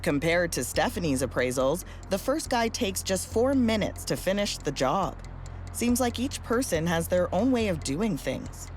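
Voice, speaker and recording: A woman reporter narrating a scripted investigative news exposé, building suspense with deliberate pauses. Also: fairly low pitch, big pitch swings, a little hiss or hum.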